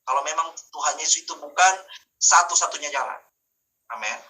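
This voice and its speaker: A man's voice: on the high side, brisk, bright, forceful tone, far from the mic, poor audio. A man giving an online Bible teaching as a preacher. He asks his listeners rhetorical questions and keeps calling for amens. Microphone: video call.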